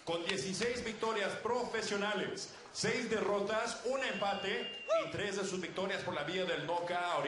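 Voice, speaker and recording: High, echoing male boxing ring announcer. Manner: formal, theatrical, drawn-out names. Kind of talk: bilingual English and Spanish ring announcing. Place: boxing arena. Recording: echoey PA in noisy arena.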